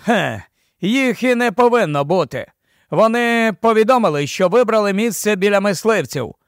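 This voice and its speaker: A composed army captain gives orders to a junior officer in a steady, patient tone that turns gently scolding, voiced by a man reading an audiobook. The voice sits fairly high for a man. The recording is dry, with no room echo. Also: moderate pace. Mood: steady command. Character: calm commanding male army captain, fatherly.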